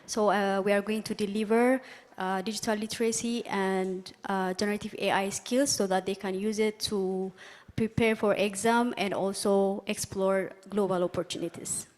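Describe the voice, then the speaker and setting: A woman from Ethiopia, a student founder, giving a short and hesitant pitch. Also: little pitch movement, moderate pace, long reverb tail. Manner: hesitant, with fillers.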